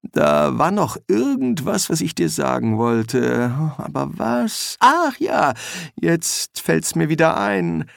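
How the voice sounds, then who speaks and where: A dry, offhand talking dog who muses aloud, his voice somewhat above the reader's own and lively, as a male reader puts him on. The sound is dry and close, gravelly at the edges. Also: a little high, slow, no room sound, voice pushed up, exaggerated voice. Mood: musing.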